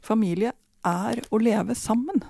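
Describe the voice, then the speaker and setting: A woman explains parenting ideas in a calm, measured way. Her voice is warm and mellow. The recording is dry and close, with no room sound. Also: on the high side, creaky, dry recording. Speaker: parenting expert guest. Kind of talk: calm advice in conversation.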